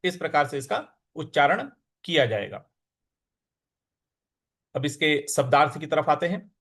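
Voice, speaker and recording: A man's voice: fairly high pitch, lively intonation, fairly bright tone. A man teaching verse pronunciation, breaking words into syllables and chanting the lines in a sung tone. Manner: slow, syllable-by-syllable pronunciation drills. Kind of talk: Sanskrit recitation lesson.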